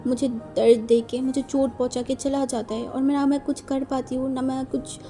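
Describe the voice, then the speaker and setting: A woman's voice: high voice, little pitch movement, moderate pace, soft background music, close to an everyday voice. A woman doing a timid, stammering young man. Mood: wistful. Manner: soft, stammering, hesitant. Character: timid, shy young man, new bridegroom.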